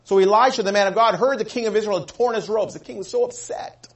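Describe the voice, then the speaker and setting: A man preaching a sermon, telling a story with animated delivery and acting out the voices of the people in it. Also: sits high, quick pace. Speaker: pastor.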